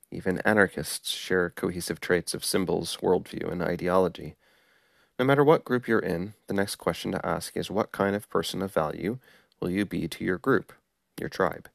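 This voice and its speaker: A man hosting a podcast episode, reading a prepared script on samurai ideals in a measured, explanatory way. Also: sits low, gravelly, no echo, studio quality. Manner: measured, explanatory, apologetic about pronunciation. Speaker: podcast host. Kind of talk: scripted narration.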